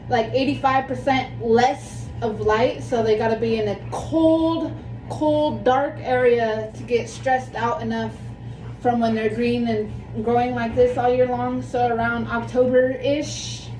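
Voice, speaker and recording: A woman's voice: fairly high pitch, a little mellow. A woman in her thirties with a lisp, chatting casually and in a rambling, self-deprecating way as she demonstrates something for a vlog. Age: 30s. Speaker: plant vlogger. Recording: echoey room, distant mic, background music.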